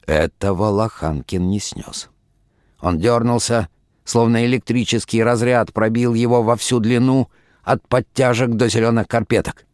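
A man narrating an audiobook in a measured, ironic storytelling manner. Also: medium pitch, a little mellow, dry recording, studio quality.

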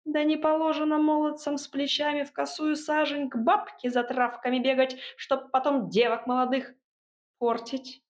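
A woman voicing a spiteful old crone witch, with a creaky, sneering voice and a mocking, scolding manner. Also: high-pitched, takes it slowly, pitched above the performer's own voice, heavily acted.

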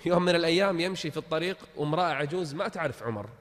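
A man's voice: fairly high pitch, expressive, racing. A man preaching a sermon, telling stories with impassioned, swelling emphasis. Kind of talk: sermon storytelling. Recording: long hall reverb.

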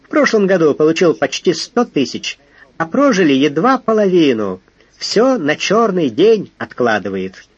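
A man's voice: fairly high pitch, very animated, moderate pace, slightly rough, no room sound, muffled recording, voice pushed up. A man doing a haughty, capricious young lady. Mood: scornful. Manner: haughty, indignant. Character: proud, capricious young lady, scornful and tearful.

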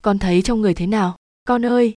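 A woman's voice: medium pitch, quick pace, dark tone, no echo, clean studio sound, natural voice. A woman reading a ghost story aloud, voicing a distraught older village mother who sobs and pleads. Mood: anxious. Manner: sobbing and pleading.

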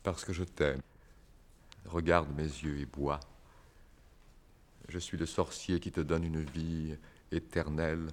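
An actor playing a sad, tender male circus clown who speaks softly and deliberately. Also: extremely low pitch, level tone. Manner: soft, slow and deliberate, rising to bitter outbursts. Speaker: Celui. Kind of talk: 1960s French radio drama acting.

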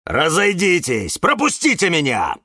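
A man's voice: on the low side, sing-song, normal speed, a bit bright, breathy edge, no room sound, clean studio sound, full character voice. A man voicing a grumpy male cactus who scolds and snorts. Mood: scolding. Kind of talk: storybook narration.

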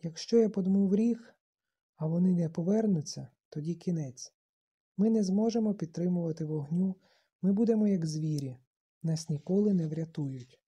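An audiobook narrator voicing an earnest, insistent boy leading a group, in a dark husky voice. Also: mid-range voice, expressive, normal speed. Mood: reasoning.

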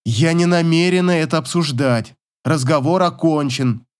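A man's voice: fairly high pitch, normal speed, voice pushed up, close to an everyday voice. A man voicing a weary, resolute wife. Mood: tense. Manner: tired, firm and restrained. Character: weary, resolute young wife asking for divorce.

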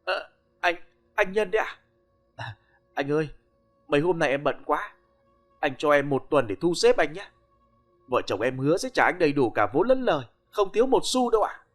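Shrill flustered village wife, high and jumpy as a male narrator puts her on. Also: big pitch swings, moderate pace, long pauses, faint music behind. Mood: pleading. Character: coarse middle-aged village woman, panicky and shrill.

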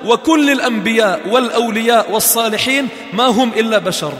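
A man teaching a creed class in a mosque, animated, quoting scripture and bantering with his students. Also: very high voice, fast talker. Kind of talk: mosque study-circle lesson. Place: mosque hall. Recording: echoey hall reverb.

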